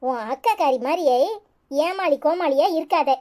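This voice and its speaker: A woman voicing a scheming, bossy mother in a cartoon, with a Tirunelveli accent, giving her daughter hushed advice. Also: normal speed, natural voice. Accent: Tirunelveli Tamil. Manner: low-voiced, conspiring.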